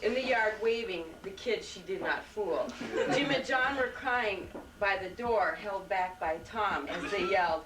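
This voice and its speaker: A woman reading a rhyming tribute poem to her family in a measured way, heard on an old VHS home video. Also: mid-range voice, a crowd in the background. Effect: old VHS home video sound. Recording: hissy, distant, roomy home video tape.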